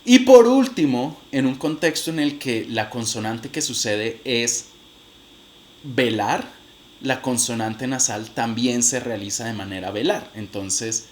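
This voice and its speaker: A man's voice: medium pitch, a little slow. A man giving a recorded phonetics lecture, demonstrating sounds aloud and talking straight to his viewers, with frequent hesitant restarts. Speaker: phonetics teacher.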